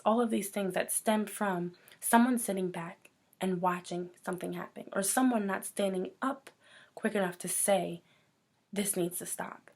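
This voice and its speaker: A woman hosting her own talk show, delivering an earnest, impassioned rant and going hoarse from it. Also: medium pitch. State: losing her voice. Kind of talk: personal talk show monologue.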